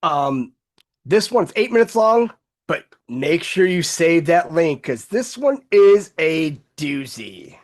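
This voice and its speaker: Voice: medium pitch, big pitch swings, slow pace. A host chatting casually and informally to viewers.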